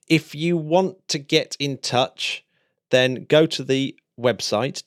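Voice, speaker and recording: A man's voice: mid-range voice, smooth. A man hosting a podcast, chatting in an upbeat, casual way and laughing easily. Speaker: podcast host. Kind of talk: casual chat.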